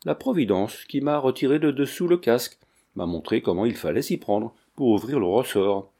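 A man voicing a calm, defiant young peasant who speaks in a steady, unmoved way. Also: mid-range voice, moderate pace, vocal fry.

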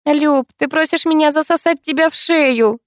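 A woman's voice: sits high, moderate pace, no echo, studio quality, voice pushed up, close to an everyday voice. Woman doing a blunt, teasing girlfriend. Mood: sardonic.

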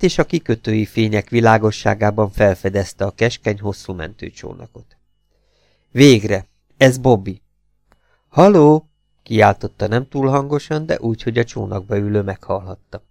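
A man narrating a pulp novel as an audiobook, reading in a lively, expressive way. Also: on the low side, creaky, no room sound, studio quality.

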